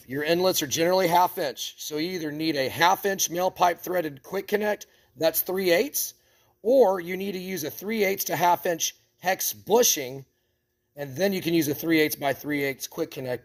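A man from an equipment shop explaining step by step how to build a trailer rig, talking practically while he handles the parts. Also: fairly high pitch. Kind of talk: hands-on how-to walkthrough.

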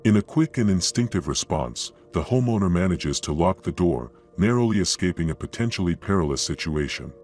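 A man's voice: low-pitched, animated, fairly quick, few pauses, a little mellow, faint music behind. A man reading dramatic, suspenseful scripted narration in a grave, florid nature documentary manner.

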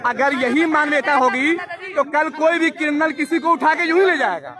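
A male field reporter with a very high-pitched voice speaks at normal speed, reporting live and urgently confronting people on a busy street outside a court campus. The outdoor recording is noisy, with crowd and traffic sounds behind him.

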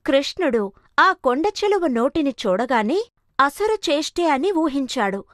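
A woman's voice: high voice, very animated, measured pace, no room sound, clean studio sound. A woman narrating a children's cartoon story with dramatic expression.

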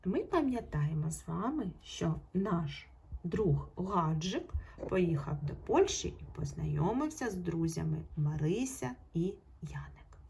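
A woman teaching young children in a video lesson, in a slightly husky voice. She speaks unhurriedly and draws out each example word so every sound is heard. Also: mid-range voice, a little mellow. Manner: slow, drawn-out pronunciation of example words. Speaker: primary school teacher.

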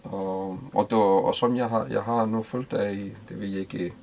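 A middle-aged man from Denmark interviewing casually in a small boat cabin, halting and repeating words. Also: on the low side, steady tone, creaky, darkish tone.

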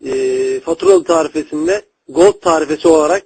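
A man's voice: a little high, normal speed, darkish tone, no room sound. A man working as a customer service agent over a landline phone, speaking formally and politely but hesitantly, often repeating his words. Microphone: telephone line. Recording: husky-sounding landline phone call recording.

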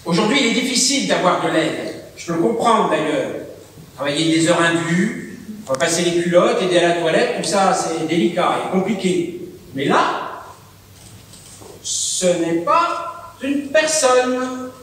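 A man's voice: animated, moderate pace, fairly bright tone. A man in an amateur stage play, persuading a relative to accept home help in a reassuring way. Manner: persuasive, reassuring sales pitch. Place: theater stage. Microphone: far room mic. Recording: echoey hall from far off, faint hiss.

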